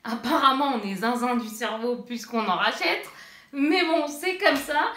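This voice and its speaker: A woman with a bright, forceful, rather high voice talks through an unboxing vlog as a mother. She rambles and chats straight to her viewers. The sound is roomy and echoey, as if recorded in a bedroom. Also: a little slow. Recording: echoey room.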